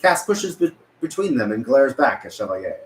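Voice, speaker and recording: At a script table read, a man reads stage directions in a mid-range voice with big pitch swings at a moderate pace, now and then stumbling and correcting himself. The room is echoey, with background noise.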